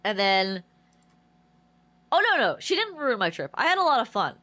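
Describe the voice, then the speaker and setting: On the high side in pitch and at normal speed, this streamer's voice comes through stuffy and nasal because her nose is blocked. She chats casually on her game livestream, telling a rambling, animated story with many restarts.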